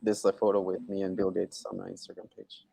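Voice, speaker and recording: Here a deep, gravelly male voice with a warm tone and a breathy edge talks at a quick pace, his delivery completely flat. He's a tech entrepreneur being interviewed on a video call, speaking informally and frequently asking "right?" or "you know?". There's no room sound.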